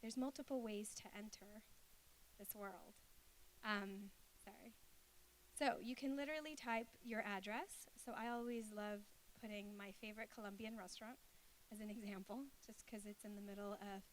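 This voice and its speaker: A woman's voice: mid-range voice, fairly even intonation, moderate pace, low-quality recording. Woman doing a presentation, explains stuff casually w lots of ums, bit of hiss on it. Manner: explanatory, conversational, with frequent hesitations. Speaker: conference speaker. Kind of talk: informal presentation to an audience. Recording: hissy live talk recording.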